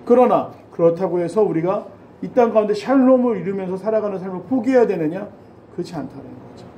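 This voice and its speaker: A man's voice: sits high, expressive, fast talker, dark tone, muffled recording, a little hiss or hum. A man in his forties preaching a Sunday sermon in a church, with a chatty, anecdotal style and touches of humor. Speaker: pastor. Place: church sanctuary. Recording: roomy church hall echo.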